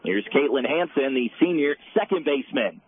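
A man giving brisk, stat-heavy play-by-play of a softball game, heard as a loud, dense radio broadcast. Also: medium pitch, lively intonation. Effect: loud dense radio broadcast sound. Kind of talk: live softball commentary. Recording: narrow tinny radio band, faint hiss.

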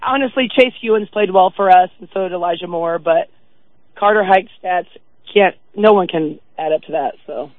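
A woman's voice: on the low side, moderate pace, no echo. A woman phones a sports show over a narrow, dry line. She chats casually, and her voice sounds sick, worn and a little shaky. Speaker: regular caller to a sports show.

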